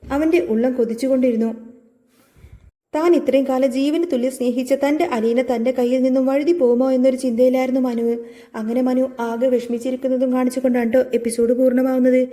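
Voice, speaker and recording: A woman's voice: sits high, steady tone, quick pace, warm tone. A woman hosting a channel, retelling a TV serial episode in a chatty, informal storytelling manner. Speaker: channel host recapping a TV serial. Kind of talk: casual storytelling recap.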